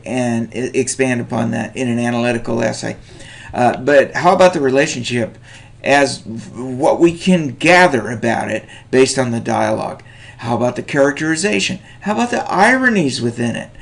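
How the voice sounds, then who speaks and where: A middle-aged man lecturing on a short story, animated, with chuckling asides and many fillers. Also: medium pitch, vocal fry. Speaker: teacher.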